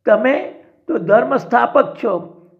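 A man's voice: very high-pitched, expressive, slow, gravelly, full character voice. A man reading as an earnest, firm spy. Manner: earnest, insistent pleading. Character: loyal male Maratha spy, earnest and firm. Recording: dull lo-fi recording.

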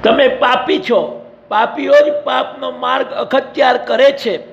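A man's voice: very high-pitched, takes it slowly, vocal fry, exaggerated voice. A man voicing a scheming villainous male potion-maker in an accusing, menacing tone, in an echoey, dull lo-fi recording.

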